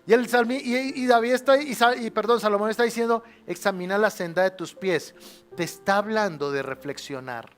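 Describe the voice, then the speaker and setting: High-voiced preacher, loud then hushed. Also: male voice, fairly quick, faint music behind. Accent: Colombian Spanish. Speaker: pastor. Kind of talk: sermon. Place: church sanctuary.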